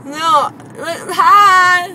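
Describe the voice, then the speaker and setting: A woman's voice: very high voice, extremely slow, far from the mic. A drowsy young woman slurring her words after having her wisdom teeth out, talking in a weepy, childlike way. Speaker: patient after wisdom tooth removal. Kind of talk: casual chat. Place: inside a car. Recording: road noise inside a moving car.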